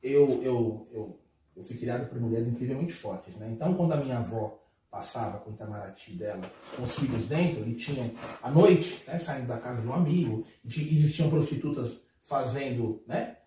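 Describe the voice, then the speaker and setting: A man's voice: medium pitch, lively intonation, brisk, dark tone. A man from Brazil on a podcast panel, arguing his points emphatically in a heated roundtable debate and repeating words as he builds up. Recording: echoey room, mic at a distance.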